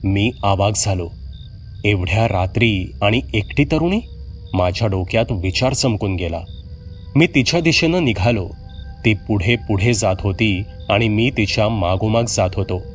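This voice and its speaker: A man narrating a horror story in the first person, measured and steady, with acted dialogue. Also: lowish voice, faint music behind.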